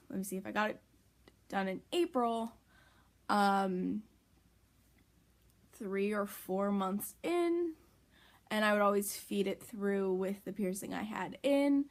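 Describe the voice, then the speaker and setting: A woman vlogger speaks at a medium pitch in a casual, first-person style. She is candid and chatty, rambling a little and often hedging as she recounts things.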